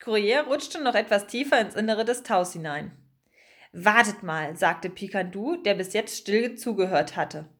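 A woman narrating a children's storybook in a lively, expressive way. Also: medium pitch, moderate pace, few pauses. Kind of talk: storybook reading.

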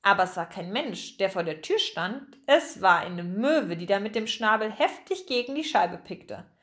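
A woman narrating a children's audiobook, expressive and slowing down for suspense. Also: mid-range voice.

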